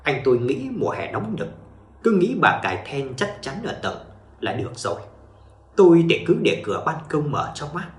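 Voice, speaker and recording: A man narrating a ghost story in a dramatic, animated storytelling manner, in an echoey room. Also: a little high, normal speed.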